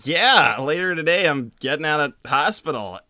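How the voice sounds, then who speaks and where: A man's voice: a little high, animated, normal speed, pushed and bright, dry recording, clean studio sound. A man voicing a casual, slightly awkward young cartoon hedgehog, rambling hesitantly through an improvised livestream Q&A. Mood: awkward, friendly.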